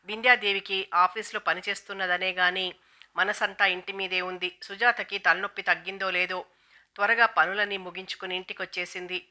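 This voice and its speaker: Woman narrating a novel, steady storytelling, super bright voice, pretty flat pitch. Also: moderate pace. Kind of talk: reading a novel aloud.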